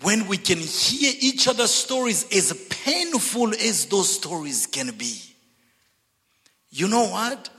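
Casting: Zambian-born man, fairly high voice, slow and earnest speaker, large reverberant sanctuary. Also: big pitch swings, bright, forceful tone. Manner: earnest, deliberate, repeats words when building a point. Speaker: speaker at a church reconciliation event. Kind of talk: reflective speech to an audience. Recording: long hall reverb.

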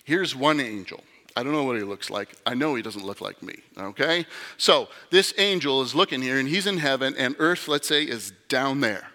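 Guy pastor preaching, chatty storytelling, really bright voice, long church echo. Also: mid-range voice, lively intonation, normal speed. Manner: conversational storytelling with frequent "okay?" asides. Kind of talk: sermon. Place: church sanctuary.

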